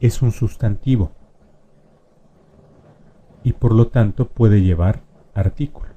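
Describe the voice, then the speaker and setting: A language teacher with a fairly low, mellow voice explains spelling rules, speaking patiently and directly to the viewer. He draws out his example words slowly.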